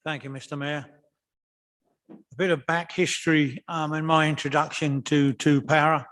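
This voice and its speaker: An older man, a councillor, telling an anecdote in a council meeting, wry and unhurried with fillers and restarts. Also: a little high, flat delivery, a bit bright. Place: council chamber. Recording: long reverb of a large chamber.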